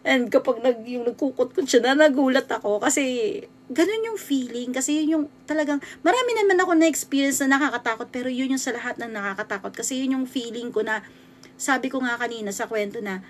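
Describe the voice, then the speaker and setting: A woman in her thirties from the Philippines, telling a true horror story in a casual, halting way with many restarts. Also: high voice, a little hiss or hum. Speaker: vlogger.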